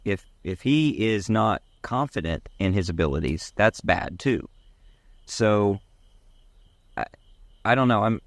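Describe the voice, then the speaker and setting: A man's voice: fairly low pitch, dry recording. A man co-hosting a casual sports podcast, musing aloud with hesitant restarts. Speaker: podcast co-host.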